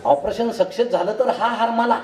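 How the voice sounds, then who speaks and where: A man's voice: high voice, moderate pace. A man with a Marathi accent giving a humorous public lecture, telling jokes and acting out the dialogue in his stories. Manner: joking storyteller, acts out dialogue. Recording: echoey hall, distant mic, crowd.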